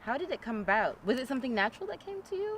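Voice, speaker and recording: A woman born in England hosting a casual interview, relaxed and hesitant with frequent fillers. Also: sits high, very fast, a little hiss or hum. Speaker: host.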